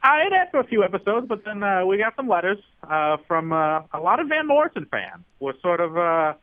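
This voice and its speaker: A man's voice: sits high, big pitch swings, a little fast, no echo, phone-quality sound. A man voicing a shameless male TV network executive who talks blithely and unapologetically, with frequent uhs. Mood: matter-of-fact. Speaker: comedy podcast guest character.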